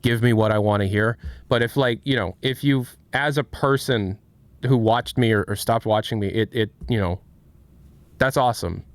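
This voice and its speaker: Streamer, male, late twenties: lowish, smooth, candid, halting. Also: no echo. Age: 20s. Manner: candid, reflective, halting with many restarts. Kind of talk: casual livestream chat, answering chat.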